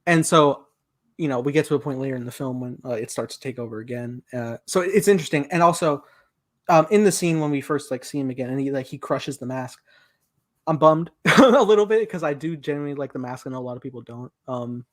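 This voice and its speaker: A man's voice: medium pitch, animated, brisk, no echo, studio quality. A man hosting a podcast in casual chat, rambling along with lots of fillers and restarts. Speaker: podcast host.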